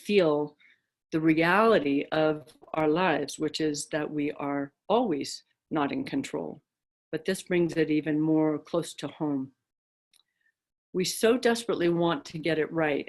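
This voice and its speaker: A woman dharma teacher giving a reflective talk, telling stories with casual fillers. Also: low voice.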